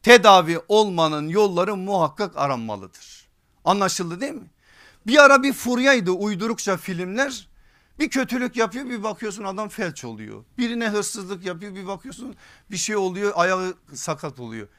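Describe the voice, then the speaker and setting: A man delivers a sermon from a pulpit microphone in a high, bright, forceful voice. He stresses each point, repeats it and checks with his listeners through rhetorical questions. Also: very animated, moderate pace. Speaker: preacher.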